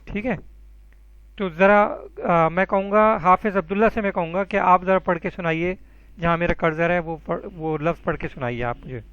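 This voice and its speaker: Man, high voice, patient teacher, dry close sound, muffled lo-fi. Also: dry recording. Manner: patient, encouraging, calls students by name. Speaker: Arabic teacher. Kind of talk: online class teaching.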